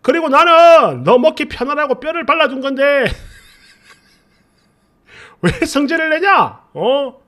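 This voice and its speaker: Man doing a shouting defensive middle-aged husband, tipsy and scolding, voice pitched very high, rising and falling hard. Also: sing-song, takes it slowly, pauses often, full character voice. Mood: angry, indignant. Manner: shouting, scolding rhetorical questions.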